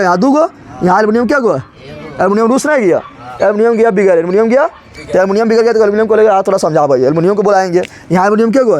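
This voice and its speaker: Guy teaching chem, talks super fast, keeps quizzing and answering himself. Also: high-pitched, a little mellow. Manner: rapid, playful, asks questions and answers them himself. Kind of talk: classroom chemistry lesson.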